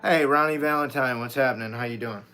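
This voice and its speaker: Loud guitar music plays behind this middle-aged American live-stream host as he chats casually and reads viewer comments. He speaks fast at a medium pitch, in a blunt, informal manner.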